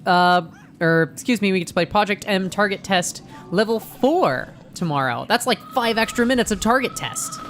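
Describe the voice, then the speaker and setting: A woman chatting casually as a marathon host, bantering and pitching donation incentives. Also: lively intonation, normal speed, faint music behind.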